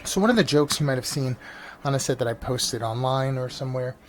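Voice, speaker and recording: A New York stand-up comedian hosts his own vlog podcast, rambling casually with plenty of fillers and restarts. His mid-range voice moves fairly quickly, captured on a janky mic with faint engine noise in the background.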